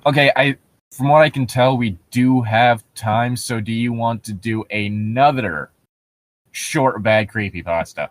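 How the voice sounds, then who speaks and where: A man reads internet horror stories aloud as co-host and comments on them with casual, swearing humor, sarcastic and incredulous throughout. He has a medium-pitched voice and a measured pace.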